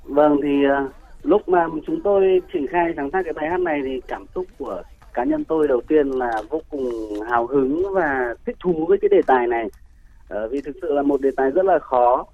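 A man's voice: on the high side, brisk. Man on a tinny phone-like radio line. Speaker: guest music producer and songwriter. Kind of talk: radio interview answers.

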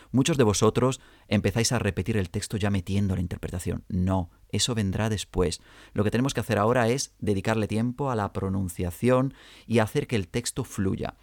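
A man, an acting coach giving a clear, deliberate lesson on memorizing scripts to his students. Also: on the low side, no echo, studio quality.

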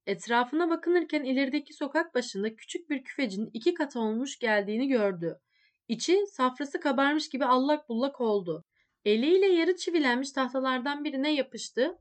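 A woman reading a literary story aloud in a measured, expressive way. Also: high voice. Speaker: narrator. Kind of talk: storybook narration.

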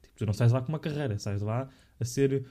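A man's voice: medium pitch, racing, mellow. A young man with a European Portuguese accent, chatting casually in slang with many fillers and restarts. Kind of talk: casual podcast chat.

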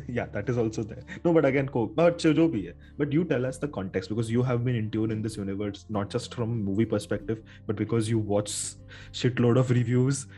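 A man's voice: mid-range voice, fast talker, mellow, faint music behind. A man with an Indian accent hosting a podcast in casual, informal chat, now and then slipping between English and Hindi. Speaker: podcast host.

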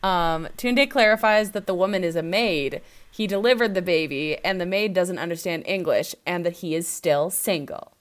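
A woman's voice: lowish voice, moderate pace, few pauses. A woman hosting a podcast, recapping a film in casual chat and laughing often. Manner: giggly, animated storytelling. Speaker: podcast host.

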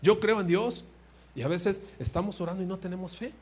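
Brisk and husky, with a voice that sits high, a preacher delivers an animated sermon. He alternates loud emphasis with quiet asides and asks his audience direct questions.

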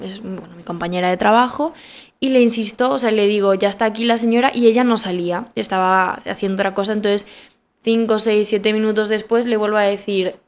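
Young Spanish woman in her 20s, casual podcast host, chatty and emphatic, mid-pitched voice. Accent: Spain Spanish. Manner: animated, emphatic repetitions. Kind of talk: casual storytelling monologue.

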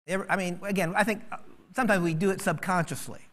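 A man preaching a sermon as pastor, animated and acting out quoted voices. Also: sits high, quick pace.

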